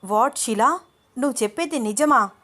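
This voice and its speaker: A woman voicing a jealous, hot-tempered young woman who scolds and shouts in a raised voice. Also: on the high side, expressive, normal speed, pitched above the performer's own voice. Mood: angry.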